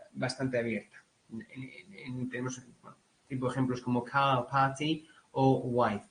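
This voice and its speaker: A man with a Spanish accent giving a relaxed exam-prep lecture in Spanish, full of fillers and checks like "right?", now and then imitating English accents. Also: mid-range voice, low-quality recording. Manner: casual, many fillers, mimics English accents. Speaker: teacher.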